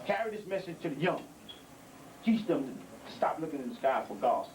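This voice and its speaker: Speaking quickly in a sing-song, slightly high and mellow voice, an elder addresses the young members of a community gathering. This middle-aged man preaches with repeated emphasis and street slang, and the handheld mic sits far off indoors, catching background noise.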